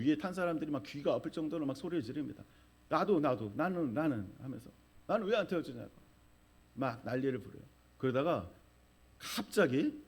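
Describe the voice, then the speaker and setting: A man's voice: medium pitch, a little mellow, husky. A middle-aged male pastor preaching a sermon, telling a vivid story and acting out the crowd's cries.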